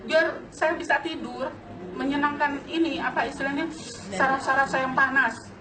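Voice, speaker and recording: A woman in her late forties tells her own story to a seated audience, her voice pitched high and full of life, often breaking into laughter. She sounds distant from the microphone, and her words echo around a big hall with a crowd close by. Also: normal speed. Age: late 40s. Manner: animated, laughing often, addresses the audience directly. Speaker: customer giving a testimonial. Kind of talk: lively personal testimony to an audience.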